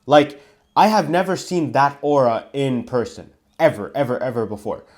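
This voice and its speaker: Young guy vlogging, chatty and animated, curses a bit, mid pitch. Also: normal speed. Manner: animated, swears casually, acts out quotes. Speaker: vlogger recounting refereeing. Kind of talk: casual storytelling to camera.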